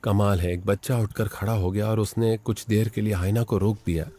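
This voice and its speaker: A man narrating a wildlife documentary in a dubbed voice-over, excitedly commenting on animals as they chase and fight. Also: fairly low pitch, brisk. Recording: with loud background music.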